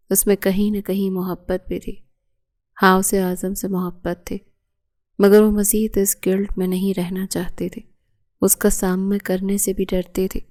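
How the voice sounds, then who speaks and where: A woman narrates a romantic audio novel with a steady storytelling read. Her pitch stays flat and even, and her tone is soft and mellow.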